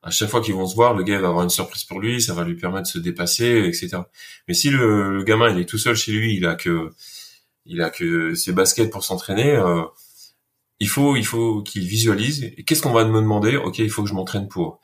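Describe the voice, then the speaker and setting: A man who served in the military, telling an interviewer about training in an earnest, halting way with many fillers. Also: sits low, a bit bright. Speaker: guest, former soldier. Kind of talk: casual interview.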